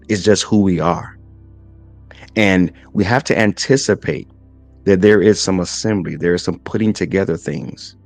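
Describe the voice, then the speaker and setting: A man's voice: low-pitched, dry recording. A man in his forties hosting a podcast, giving a motivational faith talk and often checking in with "right?" as he builds lists. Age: 40s. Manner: repeats "right?" and stacks lists in threes. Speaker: podcast host and minister.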